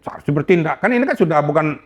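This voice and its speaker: A man's voice: fairly high pitch, expressive, racing. An older man, a retired general, speaking in an interview with indignant, scolding emphasis. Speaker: retired police general, guest. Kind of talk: heated interview talk.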